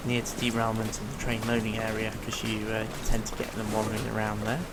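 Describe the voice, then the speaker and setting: A low-ish, monotone male voice rattles off fast commentary over very heavy noise. He's a relaxed let's-play narrator explaining the game with frequent ums and uhs, and his voice sounds rough, exhausted, and failing.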